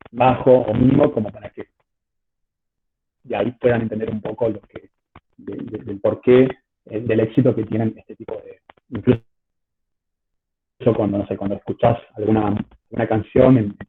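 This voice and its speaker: A man with an Argentine accent giving an informal online lecture as a teacher, hesitant and repeating words as he explains, heard through choppy call audio. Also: lowish voice. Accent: Argentine Spanish. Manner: hesitant, repetitive phrasing while explaining. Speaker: university statistics lecturer. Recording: choppy phone-like call audio, faint noise, clicks.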